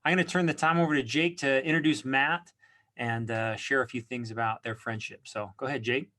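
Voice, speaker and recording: Brisk, upbeat male podcast host. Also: mid-range voice, steady tone, sharp tone. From Utah. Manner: brisk, upbeat delivery with frequent fillers. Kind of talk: podcast introduction and announcements.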